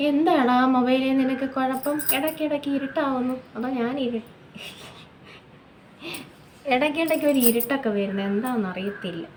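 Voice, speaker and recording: A woman's voice: high voice, normal speed, pauses often, darkish tone, a little hiss or hum, poor audio. A woman beauty vlogger chatting casually at home through a skincare tutorial, repeating herself and constantly checking in with viewers. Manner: chatty, repetitive, often adds tag questions to viewers.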